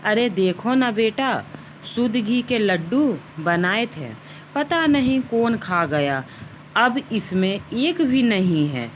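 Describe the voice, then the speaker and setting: A woman's voice: a little high, lively intonation, takes it slowly, a little hiss or hum, poor audio. A woman doing a stern old mother-in-law. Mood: upset. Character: stern elderly mother-in-law, a scolding matriarch.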